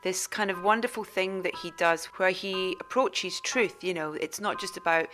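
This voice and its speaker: A woman's voice: on the low side, normal speed, a bit bright, faint music behind. A woman hosting a podcast interview, asking questions in an engaged, encouraging way. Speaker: podcast host.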